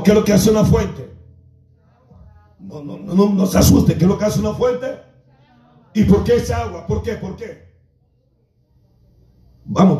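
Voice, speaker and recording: High-voiced man preaching a fiery sermon. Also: distant mic. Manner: shouts and half-sings phrases, calls the congregation to respond. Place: church sanctuary. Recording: echoey church room.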